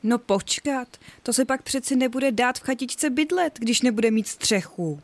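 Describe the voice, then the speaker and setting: Woman voicing a soft, hesitant little storybook creature, very high, dry close sound. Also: no echo, natural voice. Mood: earnest. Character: gentle young creature named Pepa, anxious.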